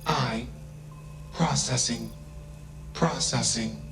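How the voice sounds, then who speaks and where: A man's voice: mid-range voice, drawn-out words, gravelly. A man voicing a damaged robot in a video game, speaking in clipped computer processing labels. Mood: computational. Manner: flat machine speech, announcing each step before speaking. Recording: game audio with loud music behind.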